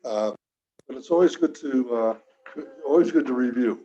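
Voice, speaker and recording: A man teaching tai chi, patiently cueing movements step by step with frequent pauses. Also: mid-range voice, dark tone, highs cut off. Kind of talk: guided movement instruction.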